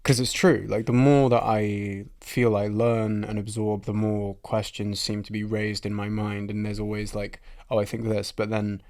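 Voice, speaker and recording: A man's voice: lowish voice, flat delivery, measured pace, hardly any pauses, a little mellow. A man hosting a podcast, talking in casual chat, frank and reflective, swearing freely. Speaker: podcast host.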